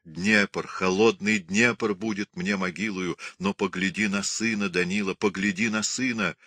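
A man's voice: lowish voice, moderate pace, sharp tone, dry recording. A man voicing a young Cossack wife, desperate and pleading, in an impassioned storybook reading.

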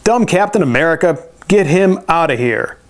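A man's voice: fairly high pitch, animated, normal speed, a little hiss or hum. A man in his thirties or forties, a gaming video host talking casually to his viewers. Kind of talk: casual gameplay commentary and talk to viewers.

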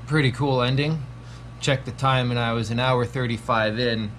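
In his thirties, a man sits in a small room at home and reviews a horror movie casually, swearing constantly and dropping lots of ums. His mid-range voice is steady and a bit bright, his pace moderate and his manner laid-back. There's slight background noise.

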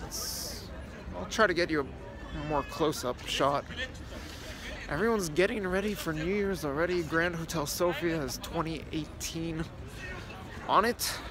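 In no hurry, a young male vlogger with a slightly high voice talks to his phone camera, held out at arm's length, while touring a city square at dusk. Crowd noise fills the background of this casual walk-and-talk vlog.

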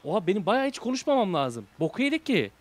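A young man with a Turkish accent doing casual horror game commentary, reading game text aloud and translating it, jumping between hushed whispers and loud shouts. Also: high-pitched, very animated, quick pace. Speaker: gaming YouTuber. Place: home room. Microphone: desk microphone.

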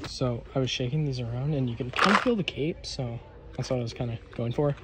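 A man's voice: mid-range voice, fairly quick. A man chatting casually into a handheld phone camera while vlogging in a car and outside, offhand with lots of fillers. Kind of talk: casual vlog chat. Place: car and outdoors. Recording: phone recording with car and street noise.

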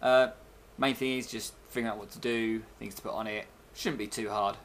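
Speaking a little fast in a lowish, fairly bright voice with a steady tone, a young adult vlogger chats and rambles casually. He's recorded indoors in a small bedroom through a desk webcam at arm's length, with a little hiss or hum.

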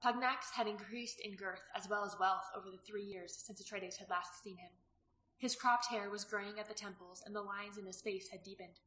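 A woman reading a novel aloud as narrator, steady and even. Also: mid-range voice, normal speed. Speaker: audiobook reader. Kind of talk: scripted narration. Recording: roomy echo.

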